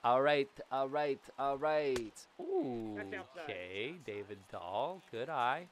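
This gaming YouTuber, in his thirties, speaks slowly as he jokes and gets excited over a baseball video game, occasionally yelling loudly, with crowd noise in the background. He records in a small home room on a studio mic on a boom, framed for webcam.

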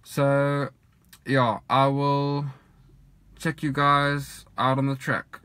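A young cycling coach sits in his parked car chatting casually to a phone camera held at arm's length, relaxed and rambling with lots of ums. His medium-pitched voice is smooth and extremely slow, with no room sound.

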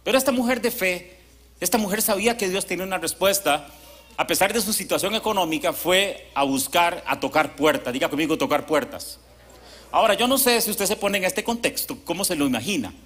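Pastor preaching, high bright voice, tells stories and acts out the people in them. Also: male voice, a little fast. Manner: lively storytelling with acted quotes and asides. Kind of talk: sermon. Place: church service.

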